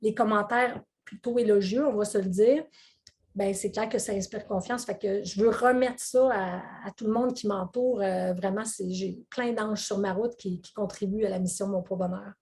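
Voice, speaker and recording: Lively Québécois woman coach. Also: medium pitch, moderate pace. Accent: Québécois French. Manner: animated, laughing storyteller with many fillers. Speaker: weight-loss coach, guest. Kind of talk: casual interview chat.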